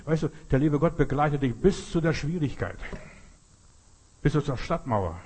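A man's voice: fairly high pitch, expressive, normal speed, darkish tone, a little hiss or hum. A man preaching a sermon, urging his listeners directly and earnestly, telling stories and calling each listener to act.

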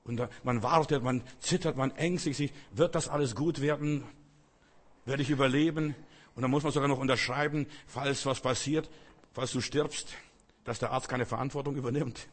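A man's voice: mid-range voice, fairly even intonation, moderate pace. A man preaching a sermon, speaking emphatically with repeated phrases and rhetorical questions addressed straight to his listeners.

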